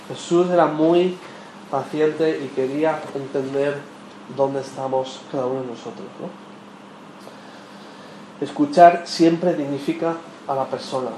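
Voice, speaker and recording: A man preaching a sermon, lively and questioning, talking straight to the people in front of him. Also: mid-range voice, slight background noise. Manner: lively, talks with the audience, asks questions. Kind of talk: sermon teaching. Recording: echoey room with faint ambience.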